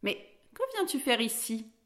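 A woman's voice: on the high side, big pitch swings, normal speed, a bit bright. A woman voicing a small, startled, forgetful male dwarf in a storybook. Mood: curious. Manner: jumpy, exclaiming.

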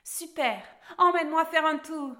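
A woman's voice: high voice, moderate pace, bright, forceful tone, pitched above the performer's own voice. A woman voicing a curious, eager little girl heroine in a storybook reading.

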